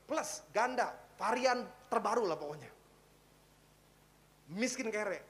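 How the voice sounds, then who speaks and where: A male pastor preaches in a loose, conversational style, full of slang and stray English words. He swings from loud cries down to hushed, low tones as he drives his point home. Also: lively intonation, takes it slowly, in a large hall. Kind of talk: sermon. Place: church service, livestreamed.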